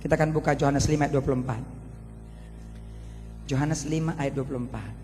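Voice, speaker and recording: A man preaching a sermon as pastor, animated and theatrical, acting out voices and shouting at times. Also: medium pitch, a little fast, big-room sound, soft background music. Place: large church hall with congregation.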